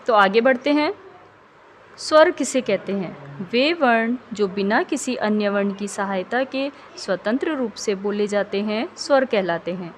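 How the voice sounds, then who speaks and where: A woman tutor narrating a scripted grammar lesson, slowing down and stretching out each example word. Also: medium pitch, slight background noise. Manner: slow, carefully drawn-out example words.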